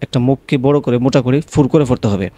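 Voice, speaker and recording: A man teaching how to pronounce the call to prayer, spelling it out letter by letter and then chanting it in long, drawn-out melodic phrases. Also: mid-range voice, dark tone, dry recording. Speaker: azan pronunciation teacher. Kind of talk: recitation lesson.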